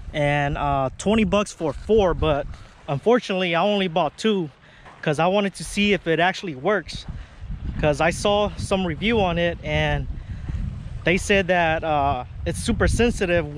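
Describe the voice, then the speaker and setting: A man in his thirties talking casually to an action camera on a lakeshore, explaining his fishing between bursts of excitement. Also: high-pitched, slight background noise. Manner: relaxed, chatty, breaks into excited exclamations. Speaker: fishing vlogger. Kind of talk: casual outdoor vlog narration. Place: lakeshore outdoors. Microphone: action camera on body.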